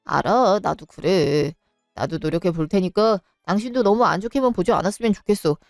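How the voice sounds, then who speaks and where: A woman voicing a weary young husband in a storybook drama, talking in a lowered, pleading tone. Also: fairly quick, creaky, no room sound, clean studio sound, faint music behind. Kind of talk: storybook voice acting.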